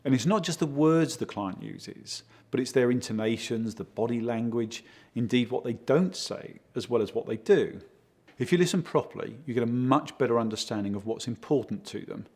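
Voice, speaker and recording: A man working as a project consultant, giving steady, explanatory interview answers and leaning on key words. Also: medium pitch, normal speed. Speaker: project consultant for a home design firm.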